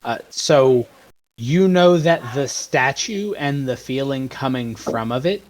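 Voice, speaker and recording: A man's voice: mid-range voice, lively intonation, takes it slowly, rough recording. A man narrating a tabletop game as game master, stopping and restarting often as he describes the scene.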